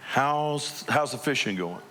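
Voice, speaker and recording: A man's voice: mid-range voice, lively intonation, takes it slowly, pushed and bright. A man preaching a conversational sermon as a pastor, asking his listeners many questions.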